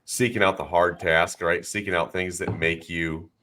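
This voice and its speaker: A man's voice: deep voice, flat delivery, normal speed, bright, forceful tone, a little hiss or hum. A man with an American accent, a podcast co-host, thinking aloud about training and often tagging his points with "right?". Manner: reflective, uses lots of "right?" tags. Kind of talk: casual podcast interview.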